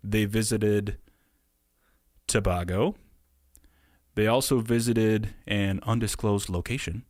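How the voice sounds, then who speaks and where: A man's voice: lowish voice, steady tone, slow pace, a little mellow, no room sound, clean studio sound. A man in his thirties co-hosting a casual podcast, presenting a theory in a wry, hedging way. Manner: wry, hedging, laughs at own claims.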